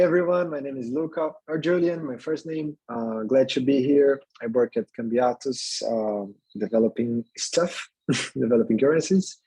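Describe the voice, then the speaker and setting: A man's voice: medium pitch, warm tone, slightly rough, poor audio. A man introducing himself on a video call, casual, laughing, with stammered repeats.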